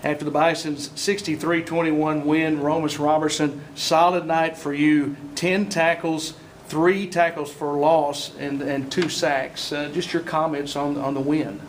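A man interviewing players and coach after a football game, reading off stats in an even delivery. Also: on the high side, a little slow, slight background noise, rough recording. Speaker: sports interviewer. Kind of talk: postgame interview questions.

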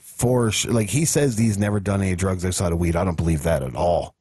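A man hosts a casual podcast and gives blunt, profane opinions. His voice is very low and husky. The sound is dry and close, with no room around it. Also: fairly quick, a little mellow, dry recording. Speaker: podcast host. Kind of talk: casual chat.

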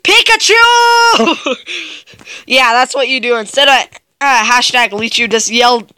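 A woman's voice: on the high side, fairly even intonation, a little slow, sharp tone, clear, resonant tone, no echo. A young woman doing gameplay commentary, jumpy and yelping with laughter when scared. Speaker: gaming video creator.

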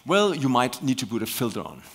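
A man's voice: mid-range voice, huge pitch swings, brisk, slightly rough. A man with a Danish accent speaking as a guest on a conference panel, talking animatedly with many fillers and repeated words. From Denmark.

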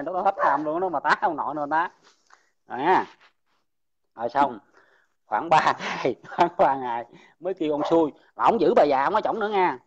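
A man's voice: medium pitch, muffled recording. A man from An Giang with a Mekong Delta Southern Vietnamese accent, telling local gossip in a blunt, rambling casual chat and chuckling along the way. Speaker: local storyteller.

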